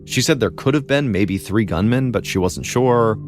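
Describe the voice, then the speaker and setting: A man hosting a podcast, telling a true crime story in a measured, dramatic way with pauses. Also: on the low side, animated, soft background music. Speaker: podcast host and narrator.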